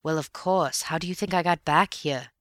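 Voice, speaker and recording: A woman reading a calm, clever young man who speaks in a wry, composed way in an audiobook. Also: low-pitched, moderate pace, dry recording, clean studio sound.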